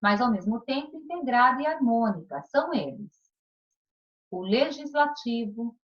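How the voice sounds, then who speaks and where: A woman teacher with a Brazilian Portuguese accent leads a recorded class for young pupils. Her fairly high voice swoops up and down as she asks questions and checks that everyone follows. The sound is dull and lo-fi. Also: expressive, normal speed. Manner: patient, questioning, checks in with "tá?" and "combinado?". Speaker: primary school teacher. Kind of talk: recorded remote class lesson.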